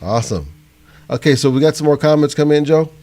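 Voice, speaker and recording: A man's voice: a little high, fast talker, dark tone. A man hosting a live online panel, chatting in a friendly way over a video call and laughing easily. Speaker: host. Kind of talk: casual live panel chat.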